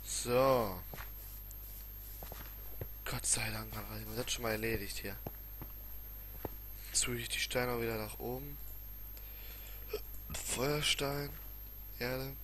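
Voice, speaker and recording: A man's voice: medium pitch, steady tone, slow, long pauses. A man giving casual gameplay commentary as a let's player, muttering and grumbling in colloquial exclamations. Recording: clearly noisy home recording with clicks.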